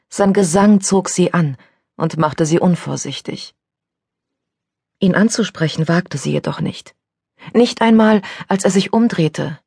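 Slow, husky female audiobook narrator. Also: low voice, darkish tone, no room sound, clean studio sound. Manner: measured, unhurried reading. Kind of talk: scripted narration.

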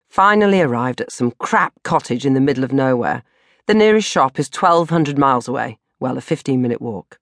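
Narrating her own novel as an audiobook, a woman with a low voice delivers a comic first-person diary with dramatic exasperation. The recording is studio quality, with no echo.

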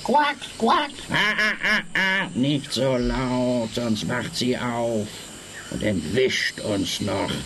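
A man playing a scheming, bossy mother toad in an audio fairy tale, with a creaky croak and a drawl. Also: medium pitch, very animated, slow, sharp tone, slight background noise, exaggerated voice.

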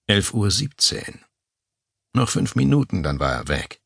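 A man reading a thriller audiobook in a tense, dramatic way, his voice gravelly and husky. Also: very animated, measured pace, a bit bright, no echo. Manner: tense, dramatic pacing with sudden pitch jumps. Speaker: audiobook narrator. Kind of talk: scripted thriller narration. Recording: dry close studio mic.

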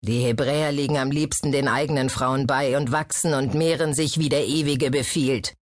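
Brief: woman reading a grave, firm older midwife, dignified and sharp-tongued. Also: deep voice, animated, moderate pace, no echo, studio quality. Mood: stern. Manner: stern, dignified. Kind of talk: audiobook character voice.

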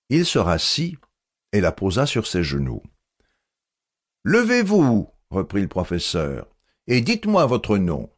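Slow, expressive male audiobook narrator. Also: lowish voice. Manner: measured, expressive reading of a classic novel.

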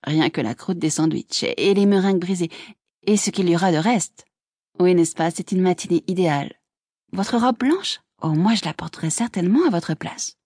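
A woman reading an audiobook voices an excitable young woman who gushes and chatters breathlessly. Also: on the low side, normal speed, breathy edge, no room sound, clean studio sound. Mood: gushing. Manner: breathless, gushing. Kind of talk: audiobook character voice.

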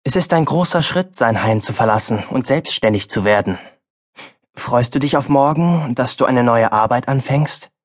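A man's voice: medium pitch, animated, normal speed, natural voice. A male audiobook narrator voicing a farm boy's stern, wise mother, speaking firmly and earnestly. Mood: gentle. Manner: firm, earnest, then softer.

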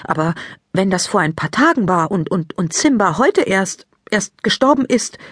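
A woman's voice: medium pitch, no echo, studio quality, close to an everyday voice. A woman narrator voicing a sensible schoolgirl who speaks with concern and tries to comfort. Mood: worried. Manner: concerned and soothing, a bit halting. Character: caring schoolgirl, class representative, sensible.

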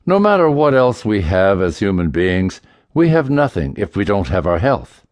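A man's voice: low-pitched, big pitch swings, no room sound. A man voicing a dignified physician addressing a king earnestly. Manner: measured, earnest.

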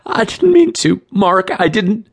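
A man voicing a hysterical young man who is crying, his voice shrill and shaky. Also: very animated, a little slow, gravelly, breathy edge, no room sound, studio quality, full character voice. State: crying, near hyperventilating.

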